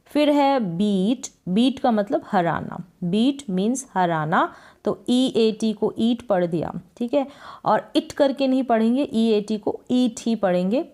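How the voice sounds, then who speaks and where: A woman teaching a lesson that spells out English words slowly, asking questions and answering them herself. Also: a little high, expressive, warm tone. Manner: slow, drawn-out spelling of each word, then repeats the meaning. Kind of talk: spoken Hindi lesson on reading English words.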